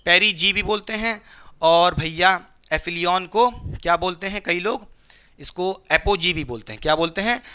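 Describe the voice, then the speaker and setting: Bright, high-voiced male physics teacher. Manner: repeats questions to students and answers them, call-and-response; playful, jokes with students. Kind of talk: classroom lecture.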